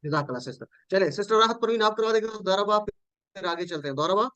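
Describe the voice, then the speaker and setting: Patient male teacher from Pakistan, smooth high voice, dry lo-fi online-class sound. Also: expressive, fast, sharp tone, no room sound. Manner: patient, drills word forms aloud and calls on students. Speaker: Quranic Arabic teacher.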